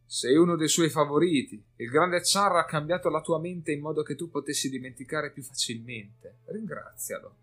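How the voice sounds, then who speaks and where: A man voicing a gruff male warrior who growls and mocks, with faint music behind. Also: on the high side, moderate pace, hardly any pauses, fairly bright tone, voice pushed up. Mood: mocking. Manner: growling, mocking.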